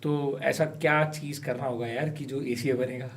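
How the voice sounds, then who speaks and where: A man's voice: mid-range voice, steady tone, normal speed. A man hosting an interview, asking casual questions and giving brief acknowledgments. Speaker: podcast host.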